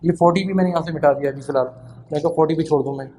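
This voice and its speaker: A man giving a classroom maths lecture, often asking the students questions and slowing down to spell out formulas. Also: fairly high pitch, fairly even intonation, dark tone, slight background noise, poor audio. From Pakistan. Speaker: maths teacher.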